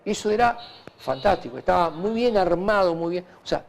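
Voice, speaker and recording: A man with a Uruguayan Spanish accent answering conversationally in an interview, halting and repeating himself as he recounts anecdotes. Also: high voice, gravelly. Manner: animated, halting and repetitive, with frequent filler tags. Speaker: interview guest, hospital director.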